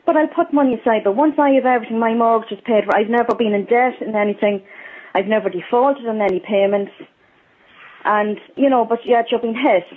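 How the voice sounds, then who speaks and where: A woman's voice: a little high, fairly quick. A woman with an Irish accent calling a radio phone-in to air a grievance. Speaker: phone-in caller, civil servant. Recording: tinny phone line on radio.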